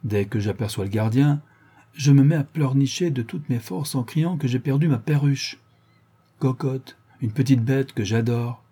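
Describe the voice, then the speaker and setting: A man reading the part of a cunning old one-eyed woman thief, reporting in brisk detail in an audiobook. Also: medium pitch, mellow, husky, voice pushed up, close to an everyday voice.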